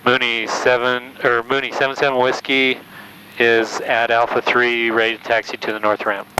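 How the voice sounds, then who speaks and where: Careful male student pilot, mid-pitched, on a cockpit headset with loud engine noise. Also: level tone, normal speed. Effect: pilot speaking over a cockpit headset intercom. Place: small airplane cockpit in flight.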